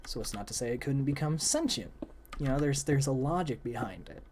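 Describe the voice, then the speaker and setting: While gaming, a young man talks story ideas with a friend in a casual, filler-heavy ramble, his voice cracking and giving out. It's medium-pitched, animated, brisk and a little mellow, with a slight hiss or hum.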